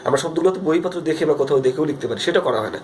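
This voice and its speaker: A man's voice: a little high, lively intonation, rapid-fire, a little mellow, a little hiss or hum. A young Bangladeshi man speaking Bengali with a Bangladeshi accent, talking earnestly into his phone's front camera in a casual video diary, with many fillers and restarts. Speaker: vlogger.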